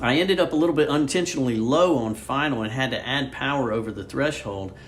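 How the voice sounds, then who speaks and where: Man casually narrating over loud engine noise. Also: mid-range voice, quick pace. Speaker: student pilot recounting checkride flight. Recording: steady loud aircraft engine and cabin noise. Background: aircraft engine drone and vehicle ambience.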